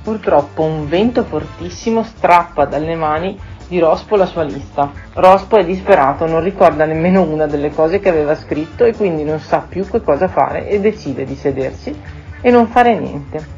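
A woman radio host presenting and reading children's books in a clear, steady voice. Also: low voice, moderate pace, hardly any pauses, soft background music. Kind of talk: scripted radio book presentation. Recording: dull lo-fi radio sound.

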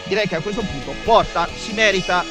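An Italian male football commentator with a high voice gives excited goal commentary over clearly audible music. He swings between bursts of excitement and halting, filler-filled description as he hunts for the right words.

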